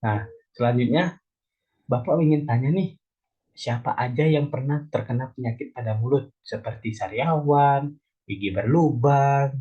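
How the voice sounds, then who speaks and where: A man's voice: mid-range voice, mellow, slightly rough, highs cut off. A young man from Indonesia teaching an elementary school biology lesson, explaining step by step and putting questions to the children. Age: young adult.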